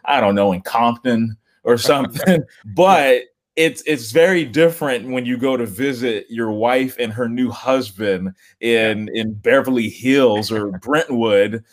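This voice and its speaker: A man co-hosting a casual movie review podcast, talking in a relaxed, joking way with drawn-out phrasing. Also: mid-range voice. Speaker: podcast co-host.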